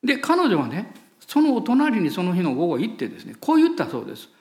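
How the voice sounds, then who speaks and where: Male pastor, Kansai accent, animated storytelling sermon, very lively pitch. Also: fast. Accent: Kansai Japanese. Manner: animated storyteller, laughs at himself.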